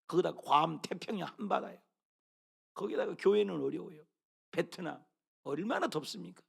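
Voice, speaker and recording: A middle-aged male pastor preaching a sermon, swinging from loud calls to hushed murmurs and often asking his congregation questions. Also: fairly high pitch, expressive, normal speed, gravelly, husky.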